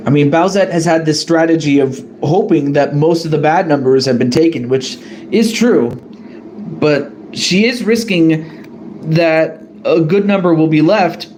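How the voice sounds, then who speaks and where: Drawing cards for a fan wrestling tournament, this streamer speaks in a higher, slightly mellow voice over a low-quality recording with some hiss or hum. He is casual but hesitant and apologetic, frequently correcting himself.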